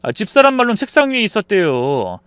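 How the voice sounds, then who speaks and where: Guy doing a grown son who keeps brushing his mom off, bit high, lively. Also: a little fast, smooth, no echo, studio quality. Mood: dismissive. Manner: whiny, starts lines with a sighing "ah". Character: dismissive adult son, sides with his wife.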